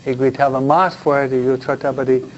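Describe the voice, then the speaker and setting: A man's voice: mid-range voice, level tone, moderate pace. A priest talking informally with an audience, chatty and self-deprecating, often tagging his sentences with questions. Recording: dull lo-fi sound with faint noise.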